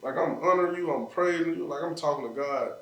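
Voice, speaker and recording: A man's voice: a little high, fast talker, gravelly. A man with a Memphis Southern accent, a podcast guest telling a personal story in a raw, emotional way, leaning on "like" as he talks. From Memphis, USA. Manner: raw, emotional, frequent "like" fillers. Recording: roomy sound, mic at a distance.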